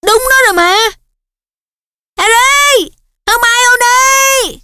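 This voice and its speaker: A woman voicing a boisterous teenage schoolboy who yells in an audiobook. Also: extremely high pitch, very slow, very noisy, pitched above the performer's own voice, full character voice. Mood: jubilant. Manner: shouting, jubilant.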